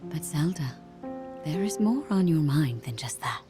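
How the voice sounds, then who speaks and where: An actress playing a gentle, perceptive, motherly queen in a video game cutscene, speaking softly and reassuringly. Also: low-pitched, animated, unhurried. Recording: orchestral game music behind the voice. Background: music.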